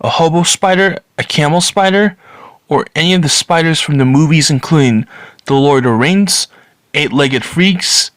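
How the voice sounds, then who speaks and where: A man's voice: on the high side, moderate pace, no room sound. A man delivering scripted review commentary as a video critic.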